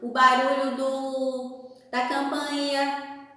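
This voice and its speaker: A woman teacher with a Brazilian Portuguese accent, correcting a worksheet aloud, patiently asking questions and pausing for answers. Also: high voice, level tone, sharp tone. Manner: acts out sound effects and whispers for examples. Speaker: primary school teacher. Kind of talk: remote lesson correcting a worksheet. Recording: very echoey room with long reverb.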